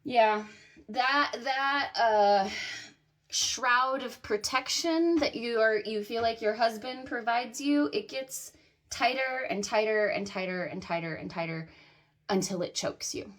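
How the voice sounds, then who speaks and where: In a frank personal monologue to the camera, a thirtysomething woman from the American South swears freely while discussing her own life. She talks slowly, in a slightly high and somewhat bright voice.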